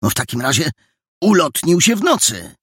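A man's voice: fairly high pitch, sing-song, normal speed, a bit bright, husky, no echo, voice pushed up, full character voice. A man voicing a skeptical, wry young boy detective. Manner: dry, doubting questions.

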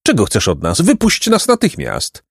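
A man voicing a cheerful, bold boy in a high, lively voice. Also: normal speed, no room sound, clean studio sound. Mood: defiant.

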